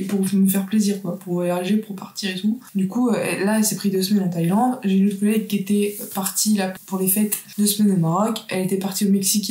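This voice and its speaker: Student vlogger, woman in her 20s, casual rambling chat with lots of self-corrections, mid-pitched, echoey room. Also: mellow. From France.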